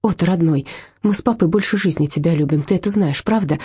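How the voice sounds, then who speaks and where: Woman doing a worried loving mom, soft and pleading, husky, dry sound. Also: on the low side, fast talker, no echo. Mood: tender. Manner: tender and pleading. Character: anxious, loving mother of two sons.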